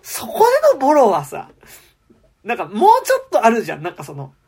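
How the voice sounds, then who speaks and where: A woman's voice: mid-range voice, fairly quick, husky. A woman co-hosting a casual podcast chat about a TV drama, acting out quoted lines as she talks. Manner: animated, acts out quoted lines. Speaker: podcast co-host.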